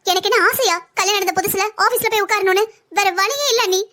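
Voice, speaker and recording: Lady as a polite new bride in a cartoon, very high bright voice, talks fast. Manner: polite, respectful. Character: polite, soft-spoken young newlywed bride. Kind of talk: cartoon story voice acting.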